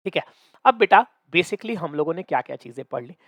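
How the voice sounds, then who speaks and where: Young male physics teacher, slightly high voice, dry close sound, playful and coaxing online lecture style. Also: expressive, brisk, fairly bright tone, no echo. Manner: playful, coaxing, calls students "beta"; asks checking questions often. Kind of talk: online exam-prep lecture.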